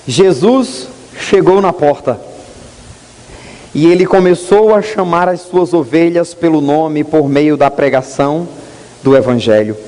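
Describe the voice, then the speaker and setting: Man, pastor preaching, mellow voice, long church reverb. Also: high voice. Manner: earnest preaching, rising emphasis and slow drawn-out stresses. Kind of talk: sermon.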